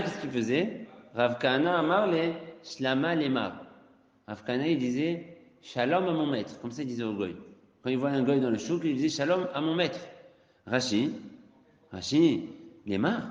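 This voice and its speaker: Male rabbi teaching an informal class, repetitive and emphatic, recorded with long hall reverb. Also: medium pitch. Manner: informal, repeats key points, rises to emphatic bursts. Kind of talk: informal Talmud lesson. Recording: echoey hall, dull lo-fi sound.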